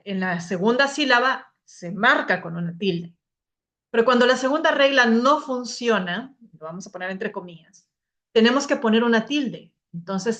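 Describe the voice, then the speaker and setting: A woman teaching a grammar lesson at a slow, unhurried pace. She explains patiently to her class, often stopping to restart a word before moving on. Her voice sits at an ordinary middle pitch. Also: fairly bright tone.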